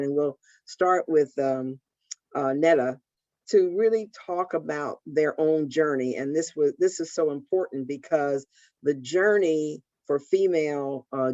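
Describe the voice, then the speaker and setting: A woman hosting a panel, introducing the speakers in a deliberate way with frequent fillers and repeated words. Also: low-pitched, mellow, no echo, highs cut off. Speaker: panel host, managing partner.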